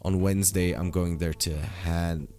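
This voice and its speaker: Low-voiced young man with a sore throat. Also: fairly even intonation, a little slow, warm tone. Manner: rambling, many fillers and restarts. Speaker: vlogger. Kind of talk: casual daily vlog update.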